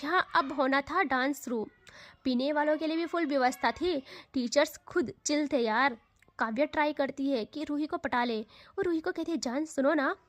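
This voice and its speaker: High-voiced woman narrating a love story. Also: moderate pace, no room sound. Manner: chatty, dramatic storytelling with casual asides.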